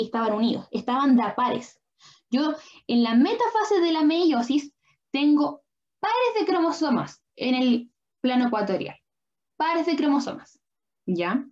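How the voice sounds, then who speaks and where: A young woman teaches biology in a high, bright voice. She explains patiently, drawing as she goes and often asking whether her students follow. The audio sounds dull and lo-fi, like an online class recording. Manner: patient, checks understanding with frequent questions. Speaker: biology tutor.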